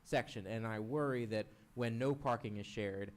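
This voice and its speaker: Man, town commissioner, low voice, measured and articulate, council work session, meeting mic.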